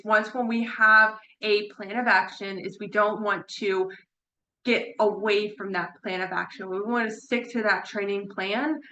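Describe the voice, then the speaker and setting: A woman's voice: mid-range voice, pushed and bright, slight background noise. A woman who is a parrot behavior consultant, giving a chatty online lecture from a room at home with her birds, repeating words for emphasis and laughing now and then. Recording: echoey room.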